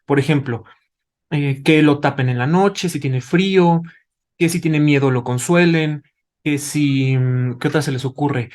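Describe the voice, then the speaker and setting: A man's voice: fairly high pitch, a little slow, a little mellow. Didactic man explaining to parents. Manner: didactic, asks rhetorical questions, tags with "¿vale?". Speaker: doctor, invited expert.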